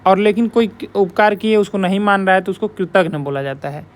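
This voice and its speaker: In a high-pitched, fairly quick voice, a man tutors for a Hindi exam, breaking down test questions step by step and going over the important points again.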